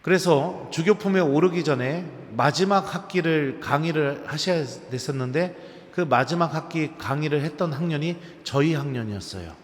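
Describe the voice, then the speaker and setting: Man, priest, humorous storytelling lecture, slightly high voice, long cathedral reverb. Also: normal speed. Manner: lively humorous storytelling with quiz questions to the audience. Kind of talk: lecture to a live audience. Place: large cathedral.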